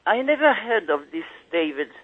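A woman calling in to a radio show over a clipped phone line, speaking haltingly and searching for her words. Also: mid-range voice, sing-song, a loud crowd. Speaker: caller. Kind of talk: call-in question to a radio guest. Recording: tinny narrow-band phone line on radio.

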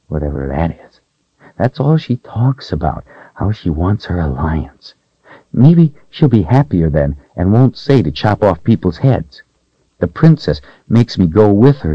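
A man voicing a timid, lonely little girl who speaks in a soft, wistful and fearful way. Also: low-pitched, husky, no room sound, highs cut off, exaggerated voice.

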